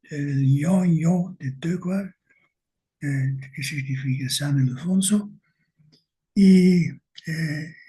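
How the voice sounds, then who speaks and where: A man giving an academic lecture with slides, speaking slowly and deliberately and checking in with his listeners. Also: fairly high pitch, dark tone, husky.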